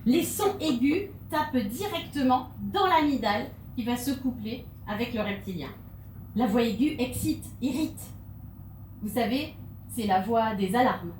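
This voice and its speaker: A woman's voice: a little high, animated, unhurried, a little mellow, a little hiss or hum. Playful woman speaking in an echoey hall. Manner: playful, theatrical, laughing asides. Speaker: conference speaker. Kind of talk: humorous stage talk. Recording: echoey hall, mic from far off.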